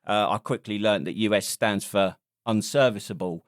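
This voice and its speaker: In a clean, dry studio recording, an easygoing British man, an army veteran, co-hosts a casual podcast chat and leads the conversation with his questions. He speaks on the low side at a moderate pace.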